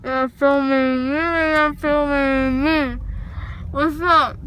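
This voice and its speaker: A woman's voice: high voice, steady tone, drawn-out words, a bit bright, a little hiss or hum, rough recording. A young woman, groggy after dental surgery with a sore, numb jaw, rambles and whines in slurred, disoriented speech. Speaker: passenger filmed after wisdom teeth removal. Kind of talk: casual chat. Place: inside a car. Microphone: handheld phone.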